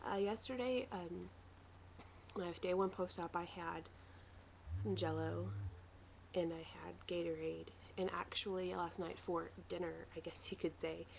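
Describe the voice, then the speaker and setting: Lower-voiced woman in a noisy, rambling video diary. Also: fairly even intonation, a little slow, creaky, a little mellow. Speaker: vlogger sharing a weight-loss surgery recovery diary. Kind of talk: casual personal video diary. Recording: noisy home video recording.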